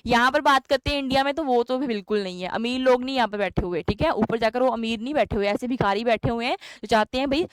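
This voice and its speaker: A woman's voice: fairly high pitch, clean tone, dry recording. Chatty Indian woman teaching English. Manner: chatty, asks and answers her own questions. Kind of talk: exam-prep lesson.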